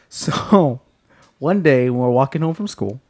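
A man's voice: mid-range voice, takes it slowly. A man co-hosting a casual podcast, telling stories with lots of swearing and putting on other people's voices, sitting a bit too far from his mic. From California. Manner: animated storyteller, swears freely, acts out voices. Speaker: podcast co-host. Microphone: sits too far from the mic.

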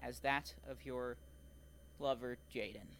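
A man narrates a tabletop game as its game master, describing scenes calmly. His voice sits in a middle register. A faint noise runs under his voice. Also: mid-range voice, unhurried.

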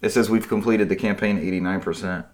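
A man with a lowish voice hosts a relaxed gaming chat. He rambles through his stories and drops quoted asides as he goes. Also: a little fast. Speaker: podcast host.

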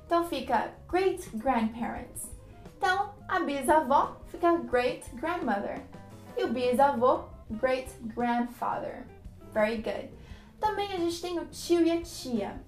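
A woman with a Brazilian Portuguese accent, a native Portuguese speaker, teaching English vocabulary and saying each word slowly and carefully for her students to repeat. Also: high voice, roomy sound. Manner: slow, careful pronunciation of English words. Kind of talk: vocabulary lesson with repeat-after-me drills.

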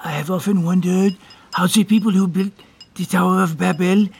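A man's voice: high-pitched, steady tone, moderate pace, creaky, slightly rough, full character voice. An actor playing a courteous, inquisitive French man with a French accent, speaking in a formal, polite way in a radio drama. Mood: courteous, curious.

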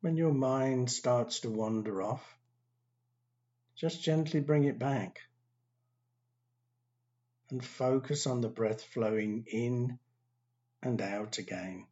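A man guiding a meditation, giving slow, calm, soothing instructions with long pauses. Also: mid-range voice, highs cut off. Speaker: meditation teacher. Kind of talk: guided meditation.

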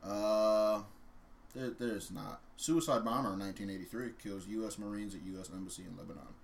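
Low-voiced laid-back man co-hosting. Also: a little fast, creaky, a little hiss or hum. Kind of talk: casual chat, reading historical dates.

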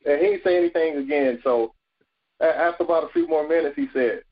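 Man telling animated stories. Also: on the high side, fast, dull audio. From South Carolina, USA. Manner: animated, repeats words, many "you know" and "man". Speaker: guest, former football player. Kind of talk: storytelling in a podcast interview.

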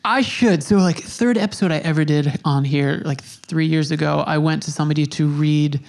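A woman hosting a casual interview podcast. She asks her questions haltingly, with many fillers and restarts. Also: sits low, a little mellow. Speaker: podcast host.

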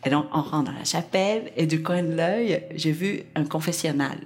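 A woman's voice: sits low, moderate pace. Laughing Québécois woman telling a story. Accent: Québécois French. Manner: animated, laughs often while telling. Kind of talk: personal anecdote told to an audience.

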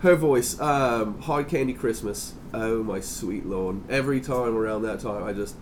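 A man's voice: on the low side, unhurried. Campy, profane man hosting over background noise. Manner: campy drag-queen persona, effusive, calling people darling and doll; freely profane. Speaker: podcast host. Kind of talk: casual chat interview.

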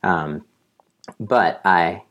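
A man's voice: deep voice, drawn-out words, a bit bright. A man co-hosting a podcast, talking through a Bible passage in a casual, reflective, self-deprecating way with frequent restarts. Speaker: podcast co-host. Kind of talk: casual Bible study discussion.

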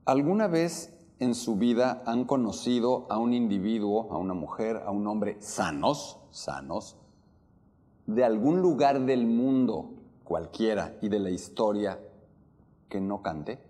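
A man with a Mexican accent giving a lively talk to a live audience, questioning listeners and acting out the melody of speech. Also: fairly low pitch, unhurried. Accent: Mexican Spanish. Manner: animated, questions the audience, demonstrates intonation. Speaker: opera workshop lecturer.

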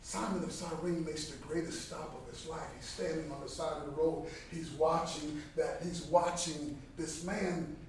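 A man giving an animated sermon at a Bible study, swinging between shouts and quiet passages. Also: on the high side, normal speed, hardly any pauses. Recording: echoey hall, distant, faint noise.

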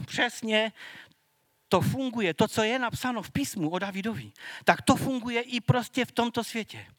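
A man preaching, his voice pitched high for a man. He talks earnestly and conversationally and sometimes restarts his words. The sound is dry and close, with no room echo. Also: fairly bright tone. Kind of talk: sermon.

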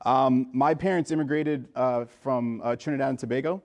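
A man's voice: medium pitch, fairly even intonation, normal speed. Man, 30s, from the US, pharmacist guest speaker, informal and chatty with a room of students, plenty of fillers. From United States. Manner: informal, many fillers and restarts. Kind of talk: casual talk to students. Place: lecture room.

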